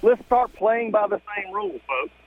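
A man calling in to a political radio show from a car stopped at the roadside. He talks quickly and emphatically with frequent restarts, and his phone line is muffled, as if he were in a tunnel. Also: high voice, expressive. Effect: muffled phone line that sounds like he is in a tunnel.

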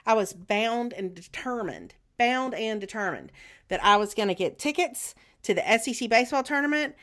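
A middle-aged woman with a Southern US accent chatting casually as a podcast co-host, in a rambling, halting way. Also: a little high, lively intonation, a bit bright. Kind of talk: casual chat.

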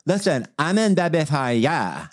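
A man's voice: a little high, very animated, unhurried, no echo. A man chatting casually and comedically, playfully acting out bits of dialogue as he tells stories. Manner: playful, mimics others in dialogue.

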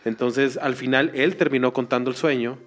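A man's voice: mid-range voice, steady tone, normal speed, soft background music. A man co-hosting a podcast, chatting casually and chiming in with short remarks. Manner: brief backchannels and interjections. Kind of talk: casual chat.

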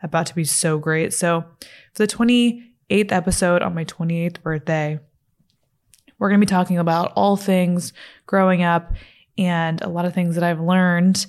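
Seated at a studio mic, a late-twenties podcast host talks on her own show in an unhurried, candid, casual way, full of fillers and the occasional curse. Her voice is fairly low and darkish, with a steady tone.

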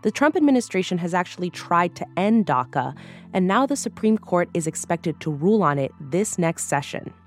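A woman co-host with a lowish voice reads scripted narration with lively, expressive swings in pitch. Faint music plays behind her. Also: normal speed. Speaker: podcast co-host.

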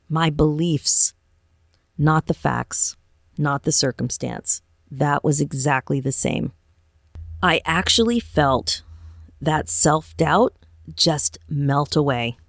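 A woman's voice: deep voice, no room sound, clean studio sound. A woman hosting a motivational podcast as a life coach, talking in an earnest, encouraging way and often asking rhetorical questions.

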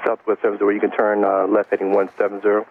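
Male air traffic controller, radio transmission, monotone low voice, clipped phraseology, phone-thin sound. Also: rapid-fire. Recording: tinny radio with faint hiss.

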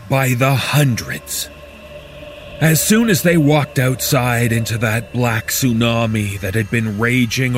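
A man narrates a horror story in the first person, playing a worn-out, bitter survivor of a disaster and pausing deliberately for dramatic effect. His voice sits in the middle range, close to how he'd normally talk.

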